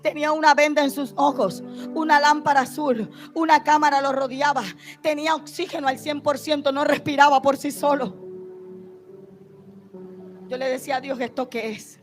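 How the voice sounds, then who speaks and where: A woman preacher giving an impassioned testimony sermon, shouting at the peaks and dropping soft and slow in the painful parts. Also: sits high, flat delivery, faint music behind. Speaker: prophet, preacher. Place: church or conference stage.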